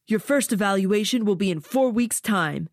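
A woman voices a stern male drill sergeant in an audiobook, giving formal, commanding orders to recruits. Her mid-range voice has lively intonation and a moderate pace, pitched above her own yet close to an everyday voice. The recording is studio quality with no room sound.

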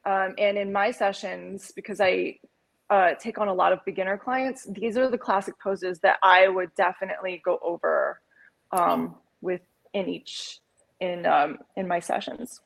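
A woman yoga instructor explaining poses in an unhurried podcast chat, with many pauses and fillers. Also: medium pitch, steady tone, gravelly, poor audio. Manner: unhurried, many ums and uhs, explains pose names carefully. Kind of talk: podcast conversation.

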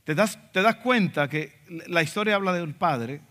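His voice is high and sharp, with lively intonation and normal speed. This man from the Dominican Republic preaches a sermon as a pastor in a Dominican accent, emphatic and acting out quotes in asides, and the church sanctuary gives the recording a reverberant hall sound.

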